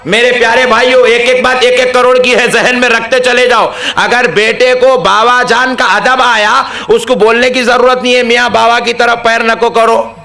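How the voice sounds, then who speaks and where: A man with a high, bright, ringing voice delivers a devotional sermon. He repeats lines for weight, talks straight to his listeners and rises to shouted climaxes. The sound is echoey, like a hall PA. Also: level tone, moderate pace, gravelly, few pauses. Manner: addresses crowd directly, invites questions. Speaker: preacher.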